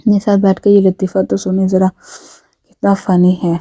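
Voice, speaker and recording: A woman voicing a gentle, playful young blind man who speaks softly and earnestly, in a story she narrates. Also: medium pitch, completely flat delivery, no room sound, natural voice. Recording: dull lo-fi audio.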